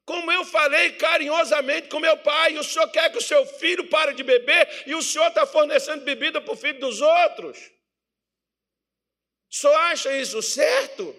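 Brazilian male preacher, high bright voice, fervent, loud then hushed. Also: normal speed. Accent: Brazilian Portuguese. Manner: fervent, swings from loud exhortation to low intimate tones. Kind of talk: sermon.

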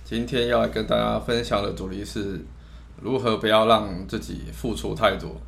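A man's voice: lowish voice, fairly even intonation, normal speed, vocal fry, a bit bright. A man with a Taiwanese accent co-hosting a casual advice chat, often repeating and rephrasing himself. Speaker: co-host. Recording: noticeable background noise.

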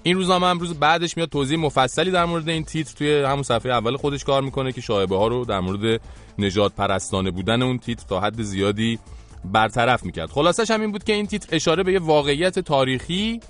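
A man's voice: medium pitch, fairly bright tone. Male satire host, Iranian Persian accent, colloquial mock-formal press review delivery, light music bed.

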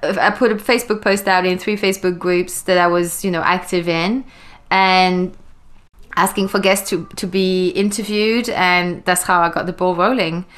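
A woman's voice: on the low side, steady tone, normal speed, fairly bright tone. A woman in her forties from Belgium, a podcast guest telling her story in a chatty, rambling way with frequent laughs. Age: 40s. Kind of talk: casual interview chat.

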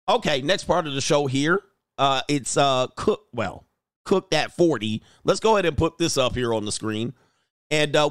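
A man with a mid-range voice hosts a casual livestream as a dating coach, reading viewer comments aloud in a joking, rambling way and laughing often. The sound is clean studio audio with no room sound.

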